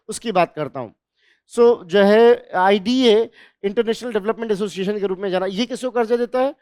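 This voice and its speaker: A man teaching an exam revision class, posing questions and answering them, repeating key terms slowly. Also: sits high, smooth, dry recording, studio quality. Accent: Hindi. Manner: explanatory, asks and answers own questions.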